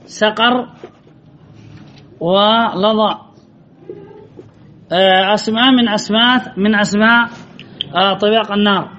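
A man's voice: sits high, steady tone, a little slow, long pauses, pushed and bright. A man teaching Arabic grammar from a classical text, reading passages aloud and quizzing his students, then repeating their answers. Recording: slightly dull, faint background noise.

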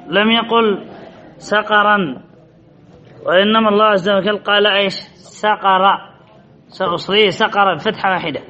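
A man's voice: sits high, bright, forceful tone. A man teaching Arabic grammar from a classical text, reading passages aloud and quizzing his students, then repeating their answers. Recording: slightly dull, faint background noise.

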